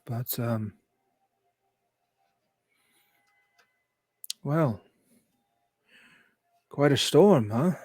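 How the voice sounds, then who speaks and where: Casting: raspy old male desert sage, played by a game master, unhurried and cryptic, for tabletop role-play. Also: medium pitch, a little mellow, no room sound, pitched above the performer's own voice. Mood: musing, casual. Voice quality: raspy, aged voice. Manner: slow, musing, unhurried. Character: weathered old wandering Kalashtar mystic, male, calm and cryptic.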